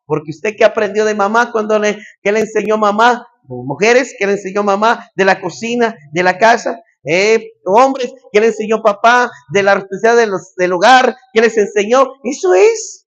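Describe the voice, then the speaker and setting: Pastor de voz aguda predicando. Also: male voice, high voice, moderate pace, hardly any pauses, lo-fi sound. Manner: emphatic preaching, repeats phrases, shouts calls. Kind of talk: sermon.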